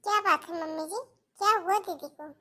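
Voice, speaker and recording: A woman voicing a caring young daughter-in-law in an animated family drama who anxiously asks what happened. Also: very high-pitched, brisk. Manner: anxious, respectful questioning.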